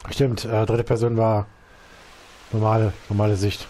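A man's voice: on the low side, flat delivery, moderate pace, mellow, slight background noise. A man talking casually with friends while playing a video game. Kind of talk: casual gaming chat.

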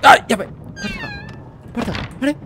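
A man's voice: very high-pitched, wildly swooping pitch, quick pace, pushed and bright, slight background noise. A man with a Kansai accent commenting on a horror game he plays, letting out startled yelps and joking curses. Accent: Kansai Japanese. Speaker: gamer.

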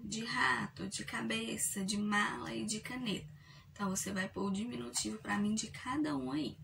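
A Brazilian woman teacher giving a recorded lesson to young children, slowly spelling out syllables and reading short poems aloud. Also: on the high side, far from the mic, a little hiss or hum. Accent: Brazilian Portuguese. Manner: slow, clearly spelled-out syllables for young learners.

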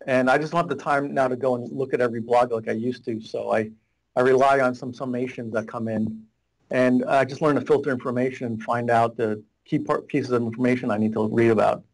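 Brisk and fairly even in intonation, a mid-range male voice comes through a webcam in rough quality. The middle-aged data warehouse architect rambles through a casual explanatory interview from his small office with a whiteboard, making frequent restarts and lots of gestures.

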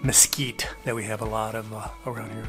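A man's voice: fairly low pitch, little pitch movement, fairly quick, music in the background. An older man from Texas giving a casual talking-head RV travel update, rambling with lots of "uh" fillers and folksy asides. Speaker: RV travel vlogger. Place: plain indoor room, grey wall.

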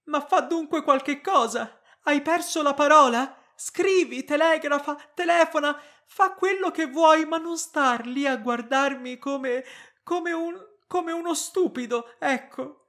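A man voicing a distraught, indignant middle-aged wife in an audiobook reading, with a shrill, insistent manner. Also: slow pace, pushed and bright, full character voice. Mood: frantic.

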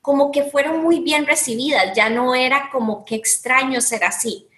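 A woman's voice: high voice, moderate pace, bright, forceful tone. A woman, an entrepreneur answering interview questions on a video call in an earnest way, often restarting her sentences. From Costa Rica. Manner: earnest, many restarts and fillers. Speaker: guest entrepreneur. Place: room at home. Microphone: video call webcam. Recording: echoey room on a video call.

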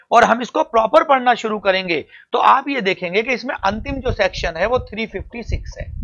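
A man's voice: sits high, fairly bright tone. Male coaching teacher explaining law, lo-fi. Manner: addresses students directly as "beta" and "champion". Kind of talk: explaining law for exam prep.

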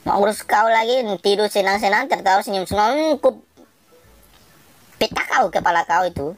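A woman giving chatty, excitable gameplay commentary, talking to her viewers and to the game characters and laughing often. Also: moderate pace, no room sound, soft background music. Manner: laughs often, swings between squeals and low mutters. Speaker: gaming channel host.

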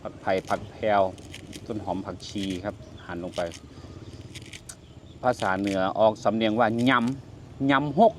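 An older man hosts a casual cooking vlog, chatting and exclaiming over the food as he tastes it. His voice is fairly low and steady, and he speaks unhurriedly with long pauses. There is slight background noise.

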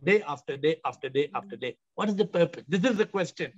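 A man's voice: a little high, animated, quick pace. A man in his fifties with an Indian accent, hosting a spiritual discussion with emphatic, repeated rhetorical questions. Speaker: host and spiritual teacher. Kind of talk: question-and-answer spiritual discourse. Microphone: video call. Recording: dull compressed video call audio.

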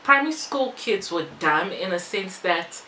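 A beauty vlogger, born in Belgium and now living in South Africa, chats casually through a makeup tutorial and Q&A, drifting into rambling asides as she applies makeup. Her voice sits on the low side, a little slow, with lively intonation. She's in a small bare-walled room indoors, and the recording is echoey with some background noise.

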